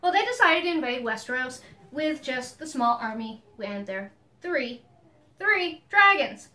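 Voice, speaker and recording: Female co-host, high bright voice, chatty and playful, laughs easily while recapping. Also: animated, measured pace. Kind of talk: casual chat.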